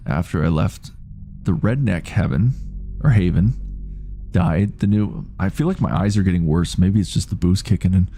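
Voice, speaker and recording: Canadian man, Ontario, casual streamer, deep warm gravelly voice, meandering chat. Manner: rambling, self-interrupting, reads chat aloud. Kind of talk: casual live-stream chat while gaming.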